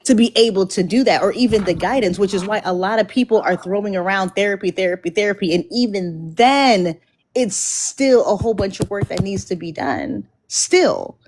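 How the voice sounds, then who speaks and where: A Dominican woman speaks in a casual panel discussion. She talks familiarly and calls others babe, but holds firm when she wants to finish. Her voice is mid-pitched. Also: a little mellow. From Dominican Republic. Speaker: panel guest.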